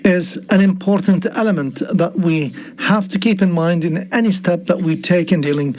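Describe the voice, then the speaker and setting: A man from Algeria giving a formal podium speech as a national delegate, in halting, deliberate phrases. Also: sits high, a little mellow. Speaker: national delegate addressing an assembly.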